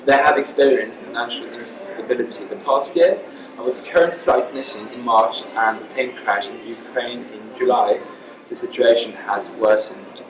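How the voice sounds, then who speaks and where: A man from Norway presents part of a team case with plain, measured delivery. He is heard from a distance in an echoey room. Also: medium pitch, steady tone, crowd noise. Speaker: student presenter.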